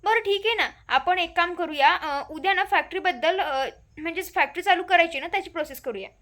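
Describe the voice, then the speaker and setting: A woman's voice: extremely high pitch, fairly quick, a bit bright. A woman voicing a pushy jealous rival.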